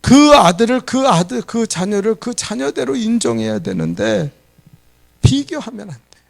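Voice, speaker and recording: A middle-aged man preaching a sermon as pastor, animated, putting questions to his congregation. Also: high-pitched, moderate pace, vocal fry. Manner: animated preaching, asks the congregation questions and acts out quoted scolding.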